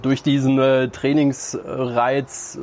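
A man explaining training ideas in casual podcast talk, halting with frequent fillers. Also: medium pitch, level tone, a little mellow, a little hiss or hum. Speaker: podcast guest.

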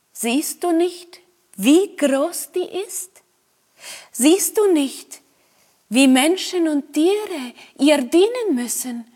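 A woman doing a wise old healer woman, high and slow.

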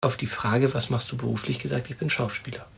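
A man around forty, co-hosting a podcast in a chatty, animated way. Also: medium pitch, brisk, gravelly, breathy edge. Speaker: podcast co-host. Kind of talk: casual chat.

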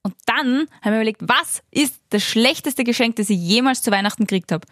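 A woman's voice: a little high, lively intonation, fairly quick, fairly bright tone, no room sound, studio quality. A young woman with an Austrian accent, co-hosting a casual chat podcast, giggly and teasing as she rambles through her stories. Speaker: podcast co-host.

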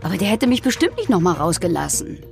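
A woman's voice: on the low side, big pitch swings, fast talker, creaky, a little mellow, faint music behind. A woman voicing her careless, cocky sixteen-year-old self in a dismissive tone. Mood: flippant. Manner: flippant, dismissive.

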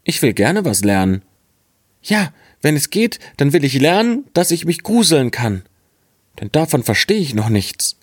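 A man's voice: a little high, sing-song, measured pace, husky, no room sound, studio quality, voice pushed up, exaggerated voice. A man voicing a simple-minded, fearless young farm lad in a fairy-tale audiobook, naive and earnest. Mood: earnest, bold.

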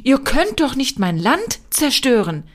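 A woman's voice: mid-range voice, big pitch swings, measured pace. A woman voicing a self-important army general in a read-aloud folk tale, commanding and boastful. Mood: bellowing. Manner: bellowing, commanding.

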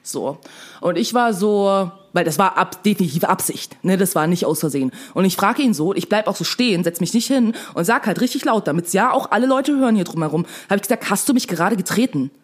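A woman's voice: medium pitch, animated, a little fast. A young woman telling a story to camera in casual, chatty speech full of fillers, still shaken.

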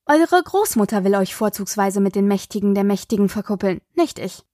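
A woman reading an audiobook, voicing a calm, dryly joking mother. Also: mid-range voice, fairly quick, no echo, studio quality, close to an everyday voice. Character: wry, patient mother driving her daughters.

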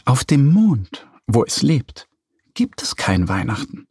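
A man reading a children's story aloud with calm, expressive storytelling. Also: mid-range voice, slow, slightly rough, no room sound, clean studio sound. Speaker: narrator.

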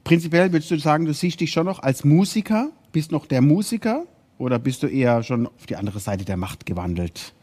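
Host: a man with a fairly high voice, chatty and playful as he runs the talk. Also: fairly quick. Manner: lively, joking, laughs often. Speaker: podcast host. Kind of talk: casual conversation.

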